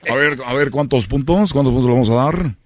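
A man's voice: medium pitch, a little fast, lightly acted. A man voicing a showy talent-show judge in a comedy sketch, repeating phrases to stretch out the suspense.

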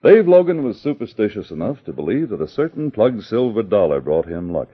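Firm low-voiced radio Mountie sergeant. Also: male voice, sing-song, breathy edge. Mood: earnest, kindly. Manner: authoritative, earnest, deliberate. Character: firm, upright male Mountie police sergeant. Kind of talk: old-time radio drama acting. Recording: muffled, noisy vintage radio recording.

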